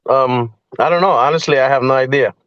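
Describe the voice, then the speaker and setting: A man's voice: medium pitch, fast talker, a crowd in the background. A man from El Salvador, a native Spanish speaker, chatting in an easygoing, slightly hesitant way. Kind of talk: casual chat. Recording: dull lo-fi audio.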